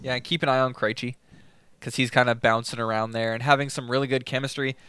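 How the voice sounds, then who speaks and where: A man's voice: mid-range voice, little pitch movement, fast talker, fairly bright tone, clear, resonant tone. A man co-hosting a casual fantasy hockey talk, giving player updates in a matter-of-fact way. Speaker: fantasy hockey podcast co-host. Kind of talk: casual chat.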